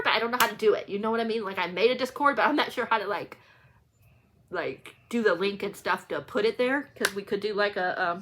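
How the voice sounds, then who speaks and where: Fairly bright and on the high side, a woman's voice hosts a read-along for viewers. She chats casually without a script, rambling and catching her own mistakes.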